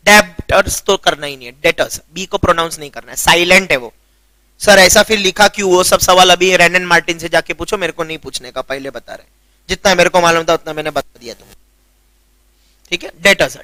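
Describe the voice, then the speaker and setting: Lecturing on commerce in Gujarati-accented Hindi, a young man from Gujarat, India, keeps things chatty, mixes in English terms and often checks his students' understanding. His high voice is bright and forceful, in a dry recording.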